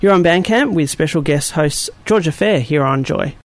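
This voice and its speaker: A man hosting a radio show from a studio, chatty and quick to laugh. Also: fairly high pitch, animated. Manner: friendly, chatty, laughs easily. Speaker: radio host. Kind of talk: casual radio chat.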